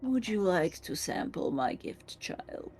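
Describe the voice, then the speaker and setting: A woman voicing an imperious, cryptic animalistic spirit in a low gravelly growl, speaking in a formal, portentous way. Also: very animated, slow pace, a little mellow, slight background noise, exaggerated voice. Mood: cryptic, tempting. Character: imprisoned animalistic ancient spirit, hellhound whisperer, imperious and cryptic.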